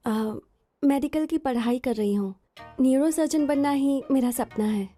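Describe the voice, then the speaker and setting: High, spirited young medical student. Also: female voice, measured pace, soft background music. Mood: shy. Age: young adult. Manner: earnest, then hurt and sharp. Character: young female medical student, proud and quick to take offence. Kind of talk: film dubbing.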